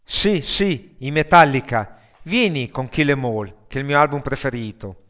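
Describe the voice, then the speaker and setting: A foul-mouthed newsagent trading loud, crude jokes with a friend, put on by a male audiobook reader. His voice sits at an everyday middle pitch, pushed louder than the narration. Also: lively intonation, moderate pace, lightly acted. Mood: joking.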